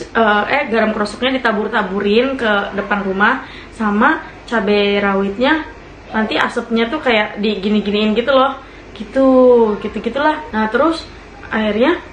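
A woman's voice: a little high, normal speed, a bit bright. A young woman, telling a ghost story in a casual, chatty way to her listeners and often laughing as she talks. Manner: chatty, addresses listeners as friends. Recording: echoey room with faint hiss.

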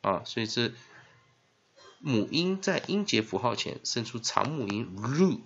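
A man teaching English spelling and phonics in Mandarin with a Taiwanese accent, spelling words out letter by letter and filling pauses with drawn-out "ah" sounds. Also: mid-range voice, gravelly. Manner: spells words letter by letter, heavy fillers, lively emphasis. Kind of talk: classroom-style phonics lesson. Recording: dull lo-fi recording.

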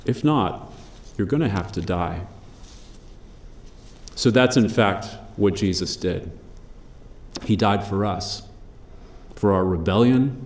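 A man preaching a sermon, measured and emphatic, slowing down on key phrases. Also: on the low side, a little mellow, reverberant. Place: church.

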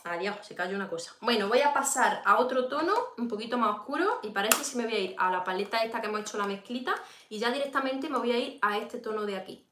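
A woman's voice: fairly high pitch, quick pace, noisy background. A woman with a Peninsular Spanish accent, hosting a casual makeup tutorial livestream. She talks straight to her viewers and answers their comments as she works. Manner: chatty, addresses viewers directly, reads and answers comments. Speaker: beauty livestream host. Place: home room during a livestream. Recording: echoey room.

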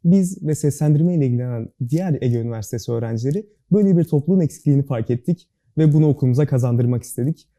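This young adult man, a student club board member appearing as a guest, fires off earnest interview answers quickly in a mid-range, very dark and mellow voice. He enunciates carefully and precisely, staying formal and serious the whole time.

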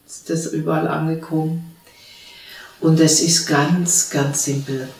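Female meditation teacher, unhurried and soothing delivery, distant mic, echoey room. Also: deep voice. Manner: slow, calm spoken instructions with long pauses. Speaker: spiritual teacher leading a meditation. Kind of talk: guided meditation. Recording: roomy sound from a distant mic.

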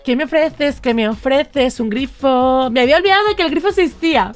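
High-voiced woman doing gameplay commentary. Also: a little fast, faint music behind. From Spain. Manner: animated and expressive, reacting aloud to trade offers. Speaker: gaming YouTuber.

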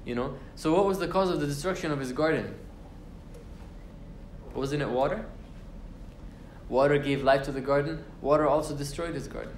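This young male teacher leads a casual tafsir class at a university, his voice on the high side and his speed normal, though he pauses often. He uses fillers, starts over at times, and recites verses in Arabic. Echo fills the room, with slight background noise.

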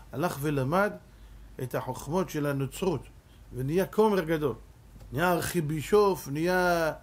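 Rabbi guy spinning a story, husky voice, pitched a bit high. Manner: animated, lively storytelling with acted-out quotes. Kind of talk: storytelling in a Torah lesson.

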